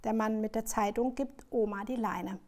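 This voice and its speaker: A woman author reading her children's book aloud in a lively, expressive storyteller's manner. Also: on the high side, normal speed.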